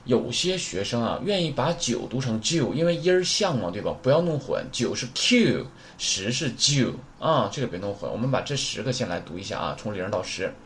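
Casual male language teacher, lively and talkative, drills numbers and keeps asking "right?". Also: mid-range voice, brisk, few pauses, slight background noise. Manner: chatty, repeats numbers aloud, asks rhetorical questions. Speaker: Japanese teacher. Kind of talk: casual spoken lesson.

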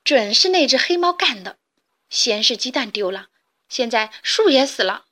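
A woman's voice: a little high, expressive, moderate pace, sharp tone. A woman voicing a superstitious flock of panicky chicks in a storybook, shrieking shrilly. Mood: panicked.

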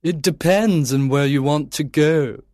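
A grinning, riddling cat from a storybook who talks in a sly, teasing voice, as a man puts him on. It sits somewhat above the reader's normal pitch and moves slowly with a lively lilt. The recording is dry and close. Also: no echo, lightly acted. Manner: teasing and knowing.

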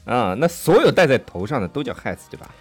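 A man with a medium-pitched, sing-song voice talks quickly over faint background music. He co-hosts an English-teaching language podcast from a Sydney studio, chatting casually in two languages as he explains English words, spells them out letter by letter, and checks in with his partner.

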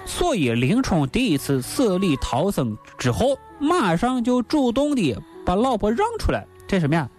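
A man's voice: high-pitched, very animated, moderate pace, hardly any pauses, darkish tone. A man co-hosting a radio show, telling and commenting on a classic story in colloquial language with rhetorical questions. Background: faint music.

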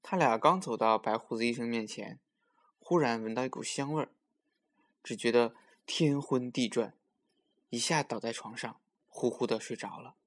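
Rich: A male storyteller reads a children's tale with lively, expressive delivery. His voice sits at a middling pitch, neither high nor low.

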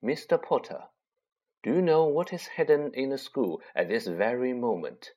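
A man voicing a solemn, wise male centaur, speaking slowly in a low, measured, hushed manner for a storybook reading. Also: big pitch swings. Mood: grave. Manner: slow, measured, hushed delivery.

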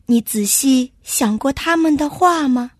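A woman voicing a gentle, patient mother horse in a storybook, soft and soothing. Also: high voice, measured pace, no echo, studio quality.

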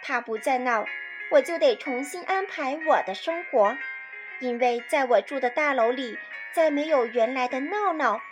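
A woman narrating a children's story in a lively, expressive reading. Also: high-pitched, normal speed, music in the background.

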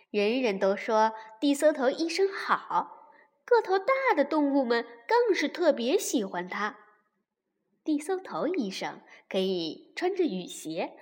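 A woman reads a children's story slowly and expressively, her fairly high voice rising and falling a great deal and sometimes sinking to a whisper. Long reverb trails after her words, as in a large hall.

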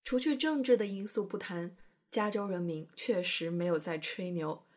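A woman's voice: mid-range voice, moderate pace, a little mellow. A woman hosting an English-learning program, explaining in a chatty, playful way with careful pronunciation demos. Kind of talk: educational podcast narration.

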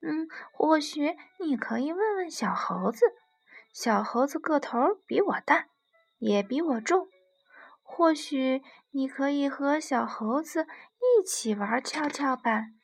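A small cheerful mouse in a children's storybook, as a woman puts it on. It speaks in a light, chirpy way. The voice is high and has a slight gravel to it. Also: lively intonation, takes it slowly, heavily acted. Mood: helpful.

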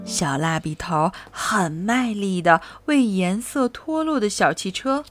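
A woman reading a children's picture book aloud in a slow, gentle, expressive way. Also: mid-range voice. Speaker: storyteller. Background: soft music.

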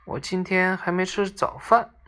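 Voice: medium pitch, steady tone, unhurried, a bit bright, pitched above the performer's own voice, lightly acted. A storyteller voicing a boastful, fierce male demon king who mocks and threatens, in a children's storybook reading. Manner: mocking, threatening.

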